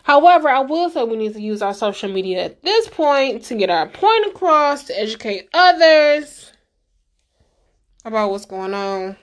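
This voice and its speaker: A woman's voice: a little high, sing-song, normal speed. A woman vlogger giving a casual, emphatic rant straight to her viewers, exasperated and direct.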